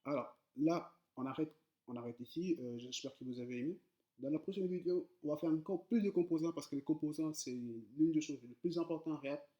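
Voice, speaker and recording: The sound is lo-fi as a man with a brisk, dark, fairly high voice gives a casual coding tutorial in French, which is not his mother tongue. Speaking informally and directly to viewers, he is hesitant and full of fillers and repeated words.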